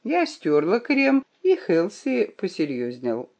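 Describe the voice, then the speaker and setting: A reader narrating an audiobook in a measured, storytelling manner. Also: medium pitch, huge pitch swings, darkish tone.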